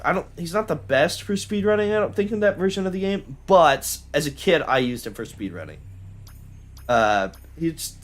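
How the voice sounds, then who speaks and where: A young adult man streaming a video game, talking in an excitable, rambling way with many fillers and restarts as he plays. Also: on the high side. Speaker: gaming streamer. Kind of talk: live gameplay commentary.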